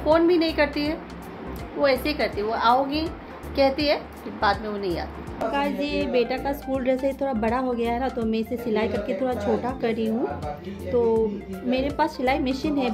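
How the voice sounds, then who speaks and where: A woman's voice: a little high, fairly even intonation, a little fast, over music. A woman filming a casual home vlog in her kitchen, chatting with her viewers as she works through chores step by step. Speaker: home vlogger.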